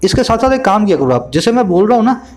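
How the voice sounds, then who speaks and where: A man with an Indian accent, teaching as an English tutor. He reads English sentences slowly, then explains them with strings of synonyms and quick rhetorical questions. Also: sits high, sing-song, darkish tone. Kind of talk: explaining newspaper vocabulary.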